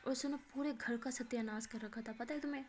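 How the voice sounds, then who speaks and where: A woman's voice: a little high, fairly even intonation, brisk, natural voice. Woman doing a sarcastic scolding friend.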